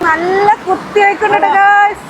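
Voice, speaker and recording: A high-voiced woman gives casual vlog commentary on a noisy outdoor recording. She is exclamatory and drops English words into her Malayalam. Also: fairly even intonation, normal speed, over a noisy crowd. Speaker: travel vlogger. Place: mostly outdoors on a trek.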